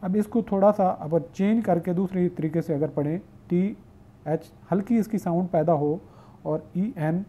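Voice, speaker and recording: The recording is muffled as a high-voiced male teacher lectures online. He reads English definitions at a slow pace, elaborates on each, and asks questions only to answer them himself.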